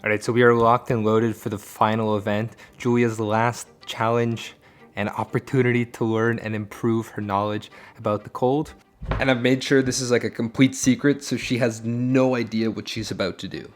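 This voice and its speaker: A man hosts a casual vlog over music. His pitch sits in the middle range, and he talks in an informal, enthusiastic manner with plenty of slang. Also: steady tone, normal speed. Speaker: host. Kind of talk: casual vlog presenting and narration.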